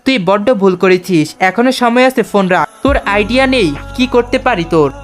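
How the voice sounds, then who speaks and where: A woman voicing a gruff, domineering young husband who snaps in clipped, commanding lines, over soft background music. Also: medium pitch, lively intonation, moderate pace, natural voice. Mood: angry.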